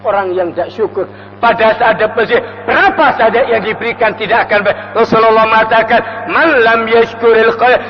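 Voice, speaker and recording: A man preaching a mosque lecture with an East Javanese accent. He recites Arabic verses and then explains them in a homely, joking way. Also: high voice. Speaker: Islamic preacher. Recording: reverberant hall, dull sound, faint mains hum.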